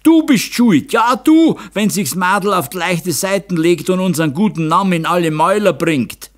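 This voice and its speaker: Man doing a shouting Bavarian master craftsman. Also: high-pitched, lively intonation, moderate pace, voice pushed up. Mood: angry. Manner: shouting, raised and strained voice. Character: blustering middle-aged male master craftsman, hot-tempered. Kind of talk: audiobook character voice.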